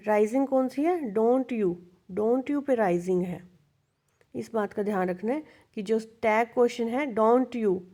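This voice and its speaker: A woman's voice: on the high side, dark tone. A woman teaching English intonation in a patient, explanatory way, going over rules and repeating key points with worked examples.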